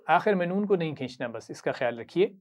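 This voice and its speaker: A man's voice: fairly high pitch, animated. Patient Urdu-accented male Quran teacher. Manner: patient, praising, recites words slowly and drawn out. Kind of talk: slow instructional lesson.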